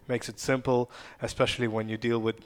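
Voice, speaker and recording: A Ukrainian man, guesting on a podcast, tells stories in a chatty, casual way and laughs often. His mid-range voice is brisk, with little pitch movement.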